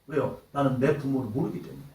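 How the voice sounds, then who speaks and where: A man preaching a sermon in a church, dramatic, swinging between loud outbursts and hushed lines and acting out quoted voices. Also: mid-range voice, quick pace. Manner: acts out taunting quotes in character. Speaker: pastor. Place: church hall. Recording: echoey hall, mic at a distance.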